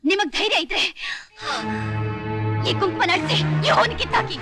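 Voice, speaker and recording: An actress playing a young wife who is wrongly accused, pleading and emotional in a melodramatic film scene. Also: female voice, lively intonation, moderate pace, bright, forceful tone, heavily acted. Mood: anguished. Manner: pleading, tearful, high-strung. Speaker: film character. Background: film score music.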